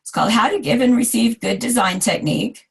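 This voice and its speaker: A hoarse woman in her forties giving a recorded design lecture, chatty and self-deprecating with asides to her students. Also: on the high side, fairly quick. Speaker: design instructor.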